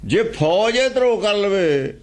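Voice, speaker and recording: A man's voice: high voice, lively intonation, slow. A man with a Punjabi accent explaining scripture, repeating key phrases and asking rhetorical questions. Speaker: religious teacher. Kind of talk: scripture exposition talk.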